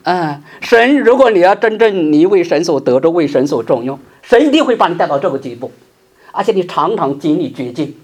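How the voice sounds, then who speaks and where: A middle-aged male pastor preaching a sermon, swinging between loud emphasis and soft, hushed asides. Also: on the high side, big pitch swings, fairly quick, slightly rough.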